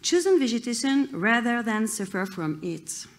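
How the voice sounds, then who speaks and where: A woman's voice: fairly high pitch, sing-song, normal speed. A woman with a French accent, reading a prepared conference talk with careful hesitations and restarts. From France. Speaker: conference speaker.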